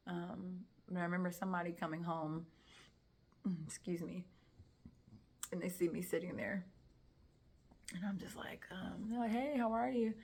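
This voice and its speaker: A young woman giving a personal testimony in casual storytelling, emotional and animated, dropping into soft whispers at times. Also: lowish voice, unhurried, long pauses, slightly rough. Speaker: testimony speaker.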